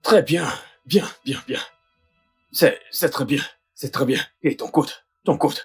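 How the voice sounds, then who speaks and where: A man's voice: a little high, takes it slowly, husky, faint music behind, heavily acted. An actor playing a manipulative man who wheedles and insists, repeating his demands over and over. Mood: coaxing, pushy. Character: pushy, manipulative man scheming for a password.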